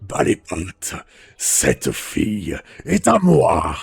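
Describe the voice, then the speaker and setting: A man voicing a menacing monstrous creature in a raspy, distorted voice, speaking in a slow, ominous drawl in a tabletop game. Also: deep voice, wildly swooping pitch, pitched below the performer's own voice, exaggerated voice.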